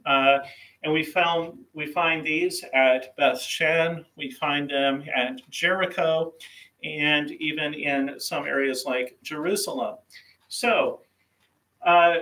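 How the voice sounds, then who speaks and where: A man's voice: on the high side, bright, forceful tone, rough recording. A middle-aged man giving a history lecture in a small classroom, explaining with fillers, recorded on a camera mic a few steps away. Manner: explanatory, uses fillers, gestures at whiteboard. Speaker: history teacher. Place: small classroom with whiteboard, indoors. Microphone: fixed camera mic at mid distance.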